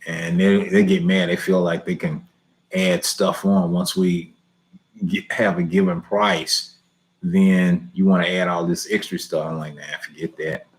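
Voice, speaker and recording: A middle-aged Houston man with a Southern Texas accent casually answers viewers' lawn care questions in a live Q&A chat, his voice low-pitched, flat and unhurried. Easygoing and laughing often, he reads each question aloud before answering.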